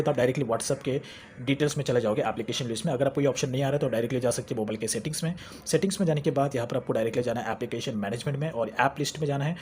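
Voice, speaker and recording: Young male tech tutor, rapid chatty delivery, mid pitch, faint room hum. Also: a little mellow. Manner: chatty, repeats phrases, mixes English terms into Hindi. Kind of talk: screen-recorded how-to tutorial.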